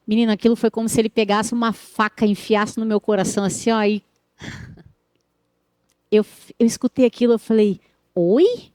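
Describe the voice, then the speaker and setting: A woman with a fairly high, mellow voice gives her faith testimony as a guest on a TV interview. She tells it in a lively way and acts out the dialogue. The studio sound is dry and close. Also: quick pace, no room sound.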